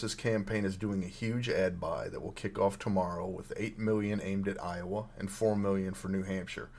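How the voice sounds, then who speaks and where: A man hosting a political news podcast, slightly hoarse with a frog in his throat, reading out news items with a dry, wry edge. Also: sits low. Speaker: podcast host.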